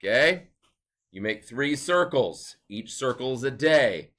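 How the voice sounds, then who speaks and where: A man's voice: medium pitch, animated, measured pace, fairly bright tone. A male teacher giving a recorded math lesson, explaining step by step and asking and answering his own questions.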